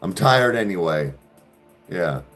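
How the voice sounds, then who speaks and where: A man's voice: low voice, very animated, slow, a bit bright, faint music behind. A man hosting a podcast, ranting sarcastically in casual chat with plenty of profanity. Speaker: podcast host. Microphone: studio podcast mic.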